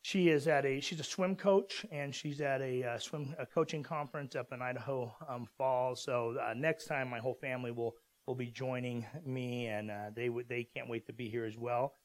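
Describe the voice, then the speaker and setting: A man's voice: medium pitch, steady tone, normal speed, few pauses. A man in his forties from Southern California, a pastor giving a casual, conversational sermon and rambling with many fillers and restarts.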